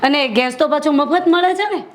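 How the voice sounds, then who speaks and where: An actress playing a bossy sister-in-law who scolds and argues about a household mistake in a short film. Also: female voice, high-pitched, moderate pace, lightly acted. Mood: scolding. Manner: nagging, scolding, sharp retorts. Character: bossy middle-aged sister-in-law, quarrelsome.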